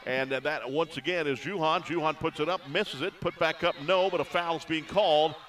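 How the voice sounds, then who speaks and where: A man's voice: a little high, fairly even intonation, moderate pace, a bit bright, poor audio. A man giving live play-by-play commentary on a college basketball game, folksy and conversational, with frequent "uh" fillers. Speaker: play-by-play announcer.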